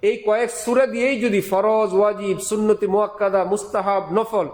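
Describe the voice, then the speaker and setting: A man's voice: sits high, fairly even intonation, normal speed, darkish tone. A male preacher giving a sermon, emphatic, repeating key phrases and asking rhetorical questions. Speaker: Islamic preacher. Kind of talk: Bengali waz sermon.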